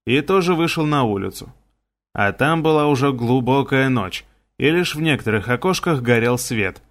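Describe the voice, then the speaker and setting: A man narrating a first-person fantasy audiobook in a steady, measured way. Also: mid-range voice.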